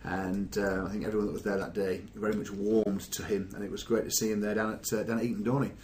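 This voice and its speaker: A man's voice: fairly low pitch, little pitch movement, fast talker, a little mellow, slight background noise. Chatty male podcast host. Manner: chatty, rambling with many fillers. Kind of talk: casual podcast chat.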